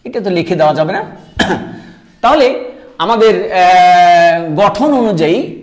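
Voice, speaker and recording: A middle-aged male teacher gives an online grammar lesson in a slightly high voice. He explains each point step by step, pausing on fillers and clearing his throat, and keeps checking that his students follow along. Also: expressive. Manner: explains step by step, often asking "কেমন?" to check understanding.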